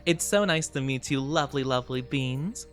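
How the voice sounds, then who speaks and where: A man's voice: mid-range voice, moderate pace, faint music behind. A man hosting a livestream as a VTuber, chatting casually while he plays a game, with effusive, gushing greetings and a cutesy, cooing way of talking. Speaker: VTuber streamer host.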